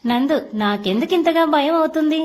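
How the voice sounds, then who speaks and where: A shy young bride from a storybook, sweet and bashful with her new husband, voiced by a woman. Her voice is high and bright. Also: expressive, moderate pace.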